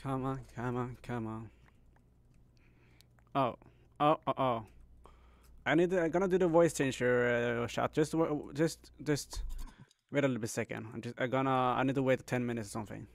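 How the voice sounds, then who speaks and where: Gravelly, laid-back young male streamer. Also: medium pitch, normal speed, pauses often. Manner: laid-back, laughs often, says "bro" and "man" a lot. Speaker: live streamer. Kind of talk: casual gaming live-stream chatter.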